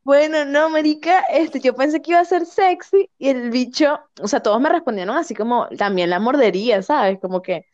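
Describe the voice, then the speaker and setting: A woman's voice: high-pitched, a little fast, hardly any pauses, dry recording, highs cut off. A young woman with a Venezuelan accent, telling a story in casual chat with lots of slang and laughter. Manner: animated, laughing often, slangy.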